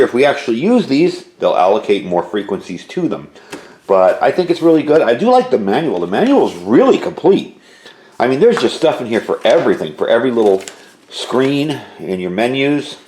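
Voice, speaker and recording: This man's mid-range, slightly mellow voice carries a bit of background noise and a roomy indoor echo. He's at home doing a casual product review, explaining details as he goes.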